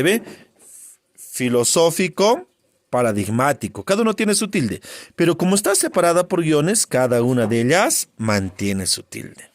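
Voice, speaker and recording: A man's voice: a little high, a bit bright, no echo, clean studio sound. A male teacher giving a spelling lesson, constantly quizzing with rhetorical questions and short checks for understanding. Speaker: grammar teacher.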